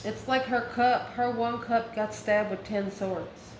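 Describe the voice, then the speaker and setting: She speaks in a fairly high, steady, unhurried voice while giving an improvised, casual tarot reading as an online host, thinking aloud card by card. Faint background noise and a roomy echo come through.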